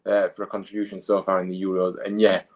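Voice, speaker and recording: A man's voice: low voice, completely flat delivery, quick pace, low-quality recording. A man as a guest pundit on a football watchalong, talking the match over in a hesitant way. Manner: hesitant, searches for words. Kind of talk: casual football analysis.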